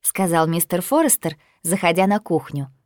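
A woman narrating a children's storybook in a lively, expressive reading. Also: fairly low pitch, normal speed, no room sound, clean studio sound. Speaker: audiobook narrator.

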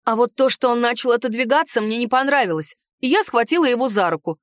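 Female audiobook narrator, high-ish voice, playful and expressive, dry close read. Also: quick pace, no room sound. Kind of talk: first-person novel narration with character voices.

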